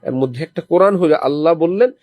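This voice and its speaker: High-voiced preacher teaching a gathering. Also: male voice, fast, no room sound, highs cut off. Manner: teaching with recited Quranic examples; asks listeners questions. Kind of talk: sermon. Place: lodging during a visit to a holy city.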